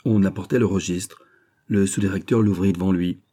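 A man reading a classic adventure novel aloud as an audiobook narrator, measured and even. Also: low voice. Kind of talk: scripted narration.

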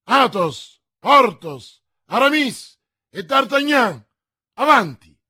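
A man reading the part of a proud, grave veteran musketeer, husky and measured. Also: fairly high pitch, expressive. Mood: rallying.

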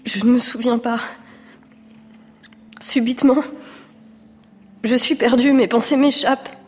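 A scared, confused woman, high and husky, soft pleading, stage play. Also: steady tone, a little slow. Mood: frightened. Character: frightened confused woman, lost and clinging.

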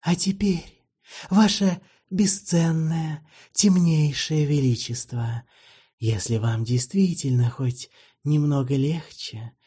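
A man doing a soft-spoken, courtly old vampire. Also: on the high side, husky, voice pushed up. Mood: wry, courtly. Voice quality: soft, half-whispered, drawn-out. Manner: slow, ornate, mournfully polite. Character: ancient weary male vampire, courtly, gently ironic.

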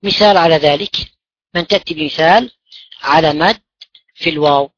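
A man's voice: fairly high pitch, moderate pace, a bit bright, dry recording, dull audio. A man teaching a class in a classroom-lesson style. He asks his students questions and then answers them himself. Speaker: religion teacher. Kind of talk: classroom lesson on Quran recitation rules.

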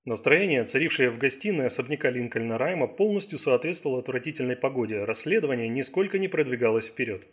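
Husky guy reading a crime audiobook, steady, middle pitch. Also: quick pace, hardly any pauses. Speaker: audiobook narrator. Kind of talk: scripted narration.

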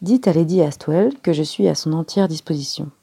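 A woman reading aloud and voicing an elderly male detective who is courteous, self-satisfied and measured in his speech. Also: fairly high pitch, vocal fry, slightly rough. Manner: polite, measured, softly spoken. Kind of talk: audiobook character reading.

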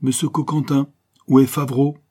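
A man's voice: medium pitch, brisk, dark tone, slightly rough, pitched above the performer's own voice, lightly acted. A man voicing a scheming adventuress who talks in an insistent, theatrical, accusing way. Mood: menacing. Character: scheming adventuress, sharp and menacing woman.

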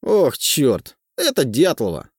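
A man voicing an excitable, loud middle-aged male teacher in an audiobook. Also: mid-range voice, slow, slightly rough, dry recording, clean studio sound, pitched above the performer's own voice, full character voice. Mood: excited.

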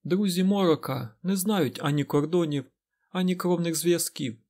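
A man voicing a calm, stern woman sorceress who speaks in a measured way. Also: fairly high pitch, pitched above the performer's own voice, lightly acted.

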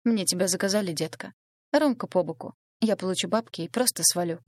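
Woman reading a cold, smug young traitor, low dry voice, audiobook. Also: brisk, a little mellow, no echo, lightly acted. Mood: sneering. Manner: sneering, smug.

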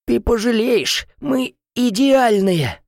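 A man's voice: high voice, wildly swooping pitch, no echo, clean studio sound, voice pushed up, heavily acted. A man voicing a drunk, brash young male air-mage student in an audiobook, jeering and drawing out his words. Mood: groaning. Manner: jeering, drawn-out delivery.

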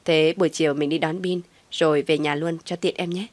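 A woman voicing a kind, shy young man who speaks gently to his girlfriend. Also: low voice, steady tone, fairly quick, dry recording, close to an everyday voice. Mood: gentle.

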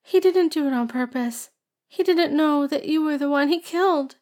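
A woman reading an audiobook and voicing a tearful, stubborn young girl who pleads and whines in a high, sobbing voice. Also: steady tone, normal speed. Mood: pleading, tearful. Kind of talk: audiobook character voice.

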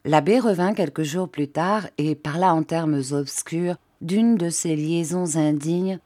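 A woman narrating a classic novel as an audiobook, with measured, expressive reading. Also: low-pitched.

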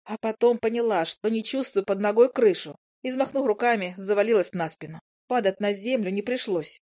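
A woman narrating a first-person audiobook in a lively, expressive way. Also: medium pitch, a little fast. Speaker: audiobook reader.

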